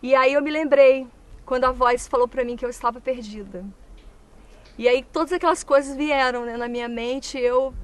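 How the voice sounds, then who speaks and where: A woman's voice: high-pitched, fairly even intonation, moderate pace. A woman, a mother telling her church testimony in an interview, recounting events vividly and acting out what people said. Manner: vivid storytelling, acting out quoted speech. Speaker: church member giving a testimony.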